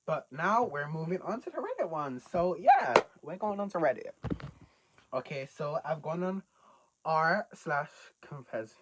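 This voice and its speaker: Young adult, British accent, very lively intonation, casual slangy reaction commentary, incredulous. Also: mid-range voice, unhurried, noisy background. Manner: animated, slangy, incredulous rhetorical questions. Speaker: video host reacting to confessions.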